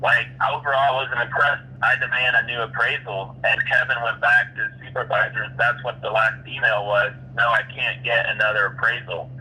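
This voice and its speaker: A man's voice: mid-range voice, fairly even intonation, a little fast, hardly any pauses, pushed and bright, breathy edge, rough recording. A man talking business in a phone conversation as a real estate agent, often restarting his phrases as he explains things.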